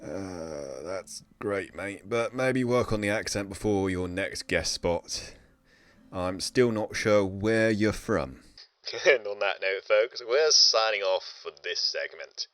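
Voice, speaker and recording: A man's voice: fairly low pitch, animated, slow pace, fairly bright tone, dry recording. A man as a co-host in scripted comedy banter, teasing his guest in a dry, skeptical way.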